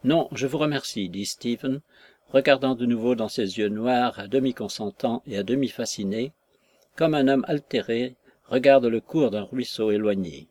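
A man reading a classic novel aloud as an audiobook narrator, in a measured, even manner. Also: mid-range voice.

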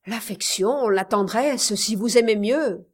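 A woman's voice: fairly high pitch, expressive, measured pace. A woman voicing a cold, vain young village man. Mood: curt, cold. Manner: curt, impatient delivery.

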